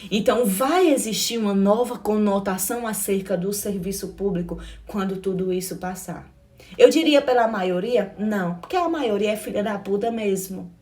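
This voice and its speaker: A woman's voice: medium pitch, moderate pace, darkish tone. Fiery, blunt Brazilian woman teacher. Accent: Brazilian Portuguese. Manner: emphatic and blunt, repeats phrases, calls listeners "meu amor", swears. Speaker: social work exam-prep teacher. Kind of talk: passionate live-stream pep talk.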